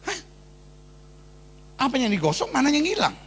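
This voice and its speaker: A man voicing an embarrassed male patient who talks in a hushed, hesitant way. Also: very high-pitched, huge pitch swings, normal speed, slightly rough, voice pushed up, exaggerated voice. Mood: sheepish.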